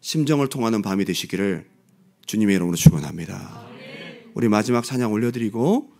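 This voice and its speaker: A male pastor in his forties, from Korea, preaching with animated storytelling that swings from hushed to loud, and laughing as he tells stories. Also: fairly low pitch, a little fast, gravelly. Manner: laughs while telling stories. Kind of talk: sermon.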